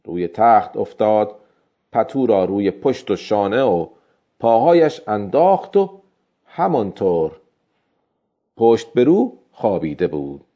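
Low male audiobook narrator with a lively, rising and falling delivery, muffled lo-fi recording. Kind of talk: scripted storybook narration.

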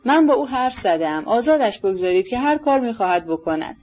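A calm, sensible man, as a narrator reads him who speaks in a steady, reassuring way. The audiobook recording is dull and lo-fi. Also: mid-range voice, pitched above the performer's own voice, close to an everyday voice. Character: calm, sensible man soothing his mother-in-law. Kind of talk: audiobook character reading.

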